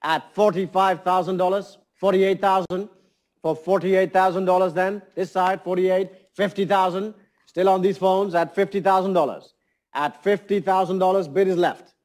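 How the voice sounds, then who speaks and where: A man's voice: high-pitched, fairly even intonation, moderate pace, darkish tone. A man working as a fine art auctioneer, calling bids and repeating prices in a polished, courteous patter to a saleroom. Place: saleroom with seated bidders and phone lines.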